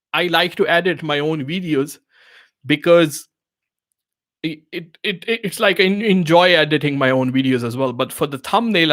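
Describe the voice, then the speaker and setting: On the high side and fairly bright, the voice belongs to a native Urdu speaker running a live Q&A stream. He offers casual business advice in loose English full of fillers, restarts and non-native phrasing, keeps it conversational, and keeps asking "you know what I mean".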